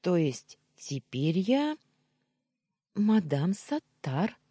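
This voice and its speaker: A woman voicing a shy, eager young maid in her twenties, speaking in a hushed, pleading way. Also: lowish voice, very animated, unhurried, husky, no room sound, clean studio sound, pitched above the performer's own voice, heavily acted. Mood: shy, teasing. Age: 20s.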